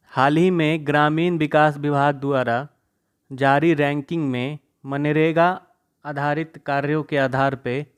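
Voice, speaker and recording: A man's voice: a little high, smooth. A young man teaching an exam-prep quiz lesson, reading each question and its options aloud, then explaining the answer, into his talk. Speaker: current affairs quiz teacher.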